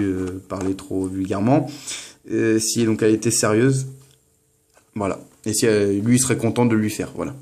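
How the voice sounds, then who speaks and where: A man's voice: fairly low pitch, a little mellow, slight background noise. A young man, casually narrating an unboxing at home, hesitant and full of fillers and restarts. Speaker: unboxing vlogger.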